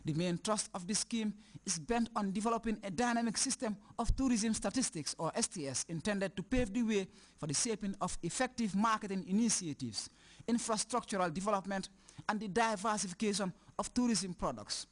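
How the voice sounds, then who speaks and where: A man with a Gambian accent reading a scripted news report in a formal, measured way. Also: high-pitched.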